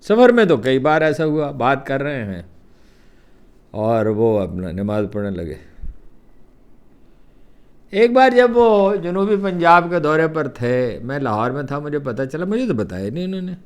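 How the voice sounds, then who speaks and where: An older man with a Pakistani Urdu accent telling personal anecdotes in a lively way, acting out the quoted remarks. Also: fairly high pitch, pauses often, clean tone. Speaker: columnist recounting memories. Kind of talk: storytelling anecdotes.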